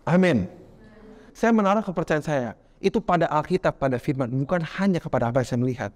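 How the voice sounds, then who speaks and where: A man preaching a sermon, animated, constantly addressing listeners as brothers and slipping English phrases into his talk. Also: a little high, brisk.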